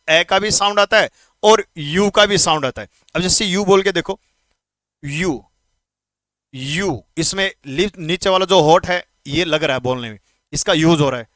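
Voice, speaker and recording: A man teaching English grammar in an exam-prep lesson, speaking informally to students and repeating words slowly to drill pronunciation. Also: high voice, pushed and bright, no echo. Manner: addresses students informally, asks quick questions.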